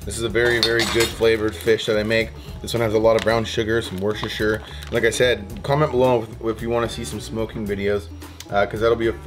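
A young man rattles through a casual cooking vlog at a quick clip, his voice a touch low, chatty and rambling with frequent restarts. He is recorded on a close camera mic in a kitchen, with faint music underneath. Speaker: fishing vlogger. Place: houseboat kitchen.

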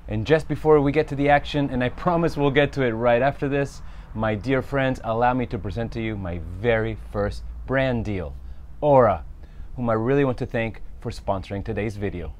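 This Italian host of an airgun channel talks through a casual review outside at his backyard range, announcing with theatrical flair. His voice is mid-range and his pace normal.

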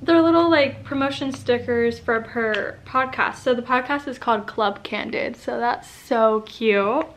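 Bubbly young female vlogger, casual and a little high-pitched, light background noise. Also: measured pace, hardly any pauses. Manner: bubbly and excited. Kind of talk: casual vlog talk to camera.

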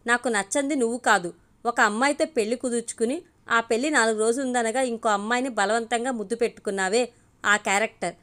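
A woman's voice: fairly high pitch, fast, fairly bright tone, lightly acted. A woman reading a fiery young woman, scolding, biting, blunt, storybook dialogue. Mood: scornful.

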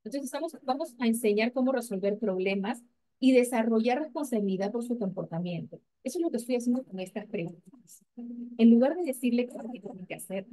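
A woman presents a parenting training in a patient, explanatory way. Her voice sits a little high, and she keeps checking that her listeners follow. When she shows how to question a child, she softens her voice. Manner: patient, explanatory, frequent "¿verdad?" and "¿ok?" check-ins; models gentle questions to children in a soft voice. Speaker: parenting educator.

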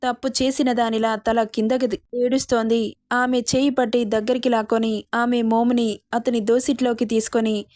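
A woman narrating a serialized love story in a steady storytelling manner. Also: a little high, normal speed, dry recording.

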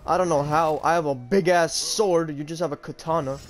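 A man's voice: fairly high pitch, fairly even intonation, a little fast. A man giving casual live gameplay commentary as a YouTuber, talking in an informal, slangy way with plenty of swearing. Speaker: gaming YouTuber.

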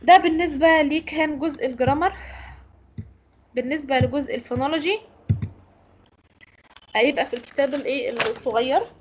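A woman's voice: sits high, fairly quick, pauses often, dull audio, a little hiss or hum. An Egyptian woman teaching English pronunciation in an online lecture, explaining and correcting students. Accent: Egyptian Arabic.

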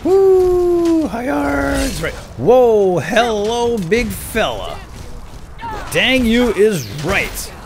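This gaming video host has a high-pitched voice and chats with his companion as he plays, his commentary playful, theatrical and lightly role-played. Game ambience and effects add background noise.

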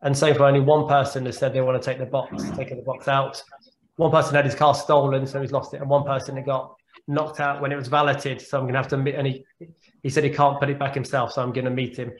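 A neurologist in his forties, there as a guest speaker, responds to audience questions on a video call from a room at home, thoughtful and prone to repeating words as he thinks. He speaks quickly at a medium pitch with a flat delivery, and the echoey call audio carries a little hiss or hum.

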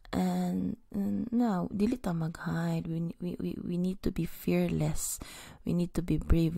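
Low gravelly Filipino woman vlogging. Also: dark tone, dry recording. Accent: Filipino, Cebuano. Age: 30s. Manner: earnest, mixes English with Cebuano, repeats words. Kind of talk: motivational casual talk to camera. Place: small home room indoors. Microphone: podcast mic on stand, close.

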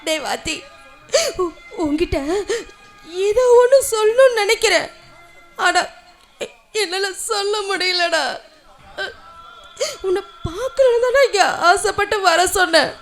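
A young woman in love, voiced in a very high, slow, tearful way, stumbling over her words in a film scene. Soft music sits behind her. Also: expressive, full character voice. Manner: tearful, halting, stammering. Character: young woman, emotional, teasing her beloved. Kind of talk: film drama dialogue.

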